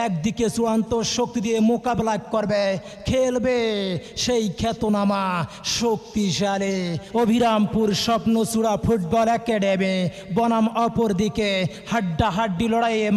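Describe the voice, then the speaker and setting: A man calls out a football match announcement through a loudspeaker in a rhythmic, sing-song chant, repeating the key phrases again and again. His voice sits high, and a long reverb rings behind every line. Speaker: event announcer.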